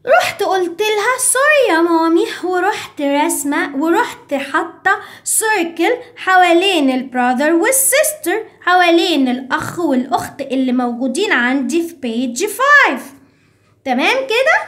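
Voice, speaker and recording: A woman's voice: very high voice, very animated, normal speed, a bit bright, heavily acted. A woman with an Egyptian Arabic accent voicing a cheeky, chatty little girl who talks to the children as her friends while teaching an English lesson. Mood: playful.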